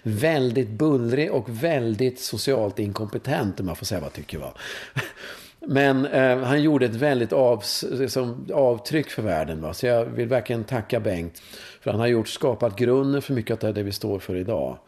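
A man in his fifties from Sweden, a course leader being interviewed, telling stories in a lively way with frequent tag questions and swearing. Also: mid-range voice. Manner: animated storytelling, frequent "va?" tags, swearing. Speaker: guest, course leader in sexuality and breathwork. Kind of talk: conversational interview.

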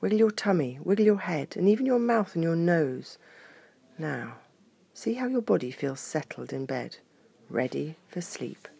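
A woman voicing a kind father bear who calmly and patiently guides his cub, with a low, slightly creaky voice. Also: normal speed, exaggerated voice. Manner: calm, patient, instructive.

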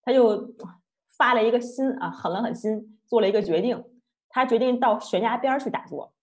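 A woman giving an online lecture, telling a story in a chatty, lively way. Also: on the high side, brisk. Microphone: online talk, computer mic.

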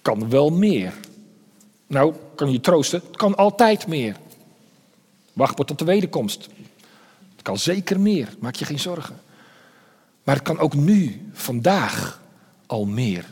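A man preaching a sermon in an earnest way, often repeating words and dropping into hushed tones. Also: fairly high pitch, big pitch swings, takes it slowly, pauses often, breathy edge, long reverb tail.

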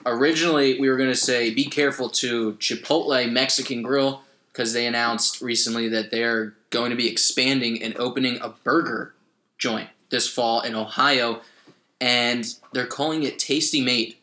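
A man hosts a casual podcast, introducing segments and explaining things at length. His mid-pitched voice is bright. It echoes around the room. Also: steady tone, normal speed. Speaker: host.

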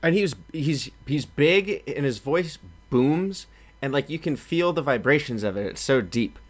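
A young man, a former college football player, chatting casually and telling stories with lively, acted-out quotes. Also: on the high side, unhurried. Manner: animated storyteller, acts out quotes. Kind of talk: casual chat.

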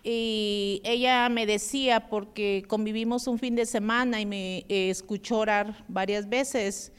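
A woman's voice: medium pitch, fairly even intonation, measured pace, clear, resonant tone. A woman in a Bible class, earnestly telling about a conversation before asking her question. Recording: long church hall reverb.

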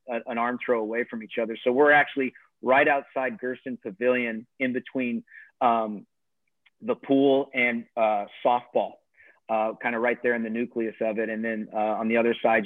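A man's voice: mid-range voice, no room sound. A man, a college tennis coach, talking casually in an interview, rambling with many fillers and restarts. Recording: dry tinny phone-like call audio.

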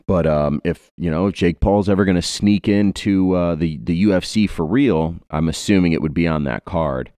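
A man's voice: low voice, normal speed, few pauses, dark tone, no room sound, clean studio sound. A man in his twenties from Ohio, hosting a podcast in a rambling, joking way with many fillers. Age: 20s. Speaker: podcast host. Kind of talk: casual podcast chat.

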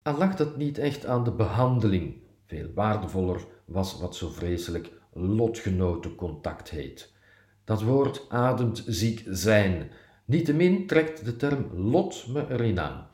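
A man's voice: lowish voice, big pitch swings, a little slow, darkish tone, roomy sound. A man reading his personal column aloud, with a dry, self-mocking irony.

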